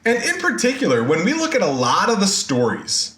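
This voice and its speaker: A man giving a recorded university lecture, retelling a myth in a slangy, animated way with lots of fillers. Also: high-pitched, a little fast, reverberant, a little hiss or hum.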